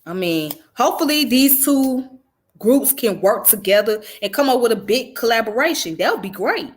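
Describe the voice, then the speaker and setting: A woman's voice: on the high side, expressive, normal speed. A woman who grew up in the American South, giving blunt, profane, conversational commentary on her own channel. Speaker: channel host. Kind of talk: casual commentary vlog.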